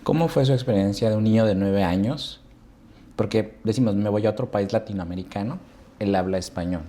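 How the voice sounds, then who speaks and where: A man's voice: on the low side, fairly quick, mellow. A man hosting an interview, asking long, explanatory questions. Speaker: interview host. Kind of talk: conversational interview.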